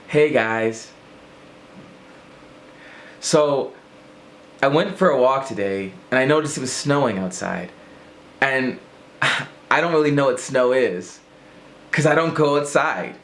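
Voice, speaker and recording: A man's voice: medium pitch, lively intonation, moderate pace, fairly bright tone, a little hiss or hum. A man vlogging in a casual rant to camera, rambling and self-mocking as he jumps between thoughts.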